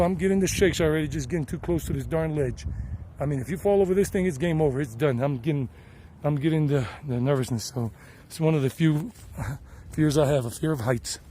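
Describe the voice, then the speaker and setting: An American man vlogs on a hilltop trail outdoors, talking into a handheld camera in a chatty, rambling way with frequent restarts. His voice is on the high side and mellow, with slight background noise. He's a vlogger and tour guide making a casual hiking vlog.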